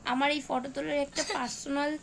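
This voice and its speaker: High-voiced mother chatting at home. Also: flat delivery, quick pace, vocal fry, a bit bright, a little hiss or hum. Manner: chatty, teasing and scolding a child. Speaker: mother vlogger. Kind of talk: casual home vlog chat. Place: home room, indoors. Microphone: handheld phone camera.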